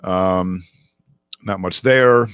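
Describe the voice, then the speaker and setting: Halting low-voiced man reading tech news. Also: a bit bright, smooth, no echo, studio quality. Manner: halting, many ums and restarts. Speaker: podcast co-host. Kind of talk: casual tech news chat.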